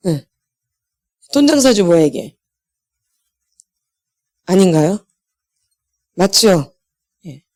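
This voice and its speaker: A woman's voice: fairly low pitch, big pitch swings, very slow, long pauses, dark tone. A middle-aged woman preaching to her congregation. She keeps asking them questions and answers them herself. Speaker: pastor's wife leading a healing meeting. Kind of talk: sermon.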